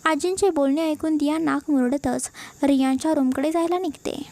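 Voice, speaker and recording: A woman narrating a romance story in a steady, expressive reading. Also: sits high, normal speed, dry recording.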